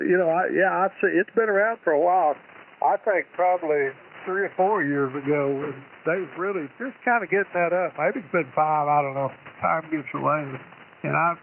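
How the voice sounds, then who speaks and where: Male net control operator, high-pitched, informal and folksy, on a narrowband single sideband radio signal with faint static. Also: creaky. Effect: single sideband radio transmission. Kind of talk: casual radio net check-in chat.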